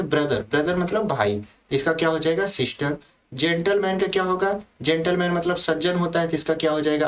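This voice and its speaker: A man's voice: fairly high pitch, a bit bright, recorded from a distance. A male teacher explaining a grammar lesson step by step, asking questions and answering them himself. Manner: often adds "thik hai" checks to the students. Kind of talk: recorded class lesson.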